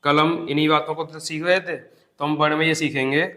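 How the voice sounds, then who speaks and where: Man, grammar teacher, slightly high voice, step-by-step explanations, echoey room. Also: level tone, sharp tone. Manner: explains step by step, repeats example words slowly. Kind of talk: exam-prep grammar lesson.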